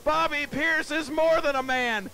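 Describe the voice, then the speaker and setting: A man calling a dirt track race live, excitable and breathless, often shouting as the action builds. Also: very high-pitched, measured pace, gravelly, a little hiss or hum. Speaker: race announcer.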